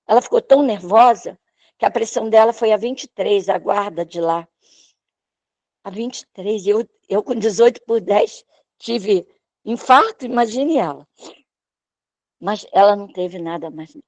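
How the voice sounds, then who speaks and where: A woman tells her healing testimony at a church service. She speaks slowly and with emotion, raising her voice to act out the doctors' words. Her voice is recorded close and dry, with no room sound. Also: medium pitch, a little mellow, no room sound. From Brazil. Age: 60s. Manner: emotional storytelling, acting out the doctors' lines. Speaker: church member giving testimony.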